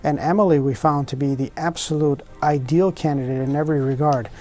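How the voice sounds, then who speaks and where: A man's voice: a little high, steady tone, a little fast, a little mellow, soft background music. A man, a surgeon, speaking in an interview in an earnest, explanatory way.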